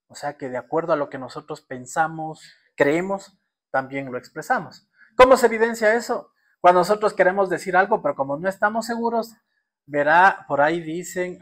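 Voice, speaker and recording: A male university lecturer with a Quito Ecuadorian accent speaks in a voice that sits a bit higher than most men's. He keeps the lecture conversational, constantly checking in with the class through rhetorical questions. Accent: Quito Ecuadorian Spanish.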